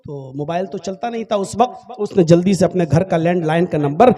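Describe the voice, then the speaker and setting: A man preaching a sermon and telling a story with animation, switching into the voices of his characters. His voice sits unusually high for a man. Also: brisk. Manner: animated, acts out dialogue. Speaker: Islamic preacher.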